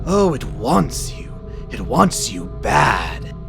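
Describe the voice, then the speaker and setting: The Joker, wildly swooping manic clown villain. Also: male voice, medium pitch, sing-song, takes it slowly, vocal fry, a bit bright, faint music behind, heavily acted. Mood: sinister. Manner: theatrical, mocking, swinging from sing-song to menacing. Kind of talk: radio drama acting.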